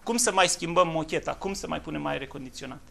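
A man preaching a fiery sermon in a church, swinging from quiet, low passages to loud, impassioned appeals. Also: gravelly.

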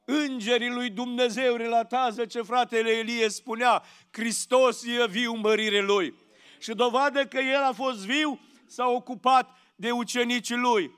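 High-voiced Romanian preacher man. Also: fairly bright tone, clear, resonant tone. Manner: slow, emphatic preaching with rhetorical questions. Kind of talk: sermon.

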